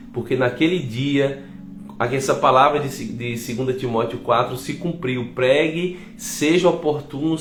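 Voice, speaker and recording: Brazilian pastor preaching in an echoey hall. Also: male voice, medium pitch. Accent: Brazilian Portuguese. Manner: lively storytelling, often addresses the congregation. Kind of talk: sermon testimony. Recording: echoey hall with faint music.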